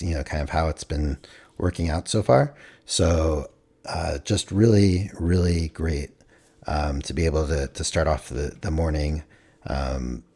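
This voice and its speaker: A man with a very deep, dark voice that sounds slightly hoarse talks casually into a desktop mic. He reviews his own trades in a matter-of-fact way, thinking aloud as he goes. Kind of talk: casual screen-recorded trade recap.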